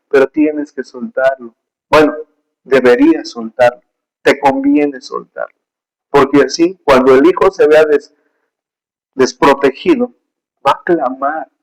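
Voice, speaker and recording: A man's voice: fairly high pitch, animated, measured pace, low-quality recording. A man preaching a sermon with emotion and emphasis, telling personal stories, reading scripture aloud and calling his listeners brothers.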